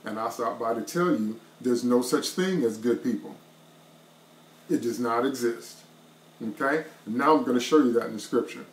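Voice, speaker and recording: A middle-aged man preaches an online sermon at a moderate pace, using an emphatic, repetitive preacher's cadence. He talks into a laptop webcam in a small wood-paneled room, and a roomy echo surrounds his mid-pitched voice.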